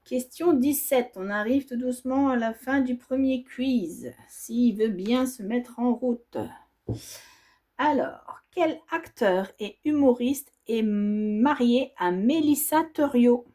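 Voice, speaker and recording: A woman's voice: a little high, slow pace, mellow. A woman vlogger stitching as she talks, reading quiz options aloud and musing over them with hesitations. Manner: stitching while talking. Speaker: embroidery vlogger. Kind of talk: casual quiz while stitching.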